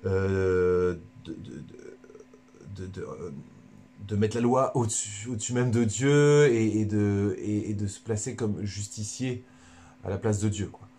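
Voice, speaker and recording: Joking low-voiced friar talking livestream. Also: male voice, measured pace, slight background noise. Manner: joking, animated, bursts of laughter between points; loose, colloquial, stumbles over words. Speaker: friar giving a spiritual talk. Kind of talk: casual livestream teaching.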